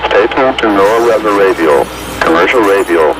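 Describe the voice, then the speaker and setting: A man reading an automated emergency alert in a flat, formal manner, heard as a hissy AM radio broadcast. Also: fairly low pitch, moderate pace, low-quality recording. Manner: flat, even, formal announcement.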